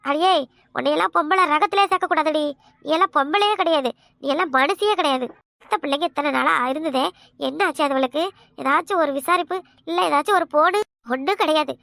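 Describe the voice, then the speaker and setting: A shrill, gravelly village mother-in-law, voiced by a woman with a Kanyakumari Tamil accent, firing off scornful insults at speed. Her voice is sharp and very high, recorded close and dry, like a cartoon comedy dub. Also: fast talker, dry recording. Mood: scolding. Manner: scornful, scolding, harsh insults.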